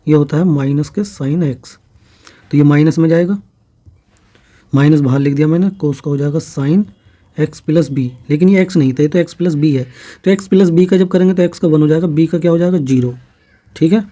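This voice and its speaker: Man with a very warm, mellow voice. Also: fairly high pitch, normal speed. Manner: steady step-by-step explaining with frequent "theek hai" checks. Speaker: maths teacher. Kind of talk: exam-prep maths lesson.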